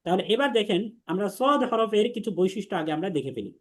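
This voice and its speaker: A man's voice: sits high, very animated, fast, fairly bright tone. A man leads an online class on Arabic letters. He speaks patiently, stretching out each letter sound and repeating it for his students to copy. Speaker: Quran teacher.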